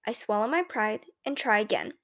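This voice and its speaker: A woman reading a children's novel aloud in the first person, with clear, expressive storytelling. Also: medium pitch, moderate pace. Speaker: audiobook narrator. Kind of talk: scripted first-person audiobook narration.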